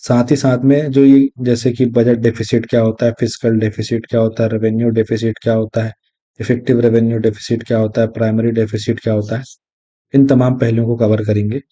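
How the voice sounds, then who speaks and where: A man with a very dark, mellow voice teaches an exam lesson. He works through each point step by step, repeats the key terms and slows down to read out definitions. The audio is dull and lo-fi. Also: mid-range voice, little pitch movement. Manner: reads English definitions slowly. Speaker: exam tutor. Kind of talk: recorded lecture.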